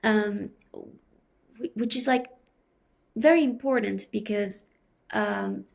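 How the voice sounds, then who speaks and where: A woman from Peru, explaining her academic research in a measured, thinking-aloud way as a podcast interview guest. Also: medium pitch, vocal fry, darkish tone.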